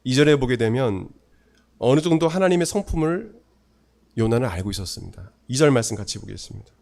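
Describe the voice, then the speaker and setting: A male pastor preaching a sermon in a church, emphatic, with his pace slowing and speeding for effect. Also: medium pitch, expressive, vocal fry, a little mellow.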